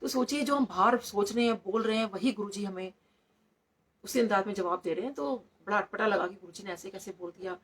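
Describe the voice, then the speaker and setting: A middle-aged woman doctor tells devotional stories at a satsang, her mid-range voice fairly quick with a breathy edge. She narrates in a storytelling manner, slipping English words in as she goes.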